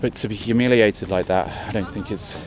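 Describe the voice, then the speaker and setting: A man's voice: fairly low pitch, a little fast. An English man talking while walking uphill outdoors for a travel vlog, chatty and thinking aloud, a bit out of breath. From England. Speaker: travel vlogger. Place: outdoors on a city hill walk. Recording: faint outdoor street noise.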